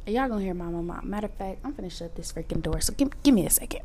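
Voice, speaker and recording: A woman's voice: medium pitch, expressive, very fast, background noise. A twenty-year-old woman hosting a casual solo podcast, speaking candidly and expressively in informal slang full of y'alls while dealing with cramps and tooth pain. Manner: informal Southern-style slang, y'all and finna. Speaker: podcast host. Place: apartment room.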